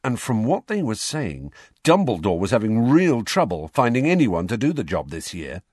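A man's voice: on the low side, sing-song, moderate pace, a little mellow, breathy edge, no echo, clean studio sound. A man voicing a cheeky, teasing teenage boy twin in an audiobook, talking in a mocking, chatty way. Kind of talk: audiobook character voice.

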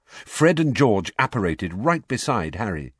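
A man narrating an audiobook in a lively, animated storytelling manner. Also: on the low side, unhurried, slightly rough, dry recording, clean studio sound. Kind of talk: scripted narration.

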